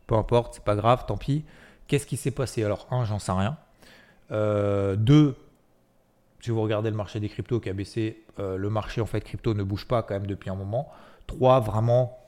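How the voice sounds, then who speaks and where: A man talking casually to his viewers about trading, animated and rambling, with frequent restarts. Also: on the low side. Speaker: trading commentator. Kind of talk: casual market talk to viewers.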